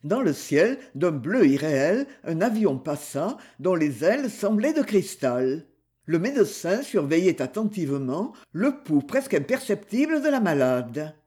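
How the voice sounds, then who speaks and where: A man narrating a novel for an audiobook with an expressive, dramatic delivery. His voice is fairly high and swings widely in pitch. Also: measured pace.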